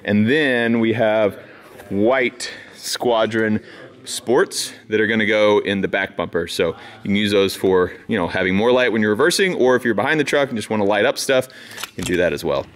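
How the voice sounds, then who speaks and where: A man hosts a vlog from a workshop, showing off truck parts in a laid-back, casual chat and laughing often. His voice is on the low side, at a normal speed.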